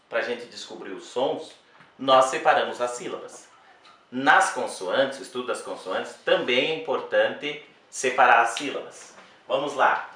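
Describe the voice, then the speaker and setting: A man teaching a Portuguese grammar lesson for exam prep, speaking slowly and deliberately, repeating words and checking in with the class. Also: mid-range voice, bright, forceful tone. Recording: very echoey room, voice from a distance.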